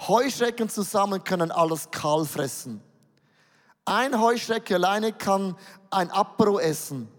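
Swiss german guy preaching, high voice, pushy rhetorical questions, big echoey hall. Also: expressive, unhurried. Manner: emphatic, repeats words, rhetorical questions. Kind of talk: sermon.

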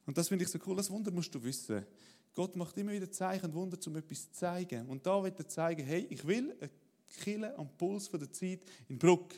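A man preaching a sermon in a lively, conversational way, often asking "oder?". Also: high voice, brisk. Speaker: pastor.

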